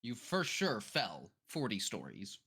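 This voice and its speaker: A man's voice: fairly low pitch, wildly swooping pitch, creaky, bright, forceful tone, breathy edge. A man narrating as game master of a tabletop role-playing game, in a casual manner with fillers. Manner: casual, with fillers and drawn-out names.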